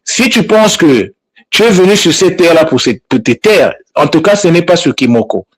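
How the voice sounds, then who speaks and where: Addressing his online group of followers as their language teacher, a man speaks informally and insistently, repeating himself often and scolding from time to time. His fairly high voice has lively intonation, a moderate pace, and a breathy edge.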